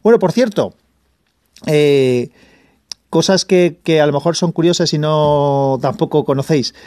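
A man from Valencia with a Valencian Spanish accent, hosting his own channel in a casual explainer monologue. He is patient and restates his points with frequent pauses. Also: a little high, a little mellow, no echo, studio quality. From Valencia, Spain. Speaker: channel host.

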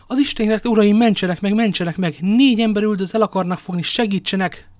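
A man's voice: sits high, no echo, studio quality, voice pushed up, close to an everyday voice. A man doing a frantic, pleading cloth merchant. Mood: panicked. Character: panicked middle-aged male cloth merchant.

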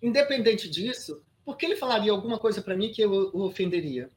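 Animated woman telling her story. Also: fairly quick. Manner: animated, emphatic, with sudden pitch leaps. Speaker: podcast guest. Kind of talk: casual interview storytelling.

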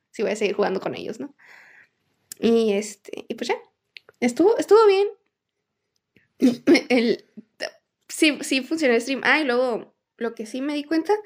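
Mexican girl chatting on a podcast, super animated, jumps all over in pitch. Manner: animated storyteller acting out quotes, laughs often. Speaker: podcast co-host. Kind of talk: casual chat.

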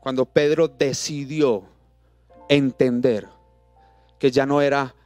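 A Colombian man preaches to a congregation, throwing questions at the crowd and then dropping to a hushed, intimate tone. His voice sits at a middle pitch and sounds dry and close to the microphone. Faint music plays underneath. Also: slow pace, dry recording. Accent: Colombian Spanish. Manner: lively preaching, rhetorical questions, drops to soft intimate tones. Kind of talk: sermon. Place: church auditorium. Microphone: handheld microphone.

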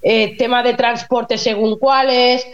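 A woman working as a nurse in Germany, explaining things in an animated, chatty way as a guest on a radio interview. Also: a little high, slow, muffled recording. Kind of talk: casual radio interview chat.

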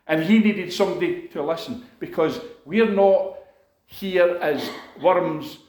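A man with a fairly high voice tells a personal story from the pulpit, loose and conversational, with plenty of fillers and restarts. His talk is heartfelt, and he keeps turning to the congregation for a response. The sound rings around a roomy, echoing hall. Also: slow, a little mellow. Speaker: preacher. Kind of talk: sermon testimony. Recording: echoey room.

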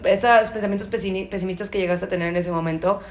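A woman's voice: medium pitch, steady tone, fast. A woman hosting a casual interview, asking probing questions in a conversational way. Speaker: interview host. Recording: roomy echo.

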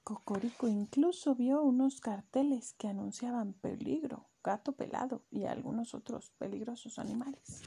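Breathy, high-voiced woman telling a children's story. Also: normal speed, hardly any pauses. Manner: animated, with sound effects.

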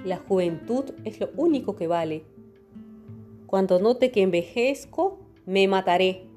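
A woman voicing a vain, beauty-obsessed young man who pleads and breaks into high, anxious outbursts in a storybook reading. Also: animated, measured pace, dark tone, faint music behind, lightly acted. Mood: anguished.

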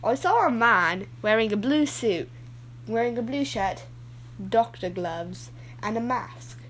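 A woman's voice: a little high, lively intonation, measured pace, a bit bright, a little hiss or hum. A woman voicing a goofy, rambling adult male dad who keeps getting sidetracked in his story.

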